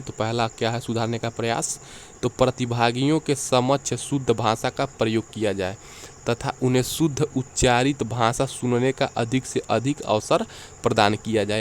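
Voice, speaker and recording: A man with a mid-range voice teaches an exam-prep lecture, working through the points one at a time and checking in with his listeners as he explains, often adding "ठीक है". A little hiss or hum is audible.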